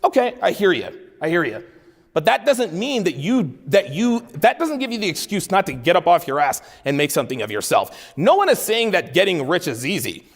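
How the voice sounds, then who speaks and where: Fairly fast and high-voiced with big pitch swings, a man in his forties gives a blunt, cursing motivational keynote before a live conference audience. Repeated phrases hammer his message home, recorded in a spacious, reverberant hall.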